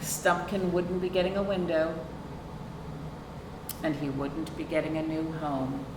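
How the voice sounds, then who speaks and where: A woman with a deep voice and little pitch movement reads somewhat slowly, a librarian hosting storytime for young children. She reads the picture book expressively, adding chatty questions and asides. The recording is roomy, distant-miked, with clear background noise.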